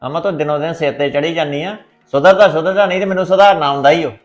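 A woman's voice: low-pitched, fast, soft background music, lightly acted. A woman playing a domineering husband with a Punjabi accent, scolding his wife. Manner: scolding, threatening. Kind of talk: family drama acting.

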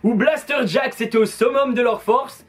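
A man's voice: very high-pitched, normal speed, breathy edge. A Belgian man with a Belgian French accent, chatting casually and enthusiastically about music tracks in a joking vlog style. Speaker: DJ and music video host.

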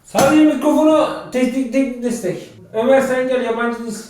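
High-voiced joking man vlogging. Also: brisk, slight background noise. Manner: joking, animated. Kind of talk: comedic vlog.

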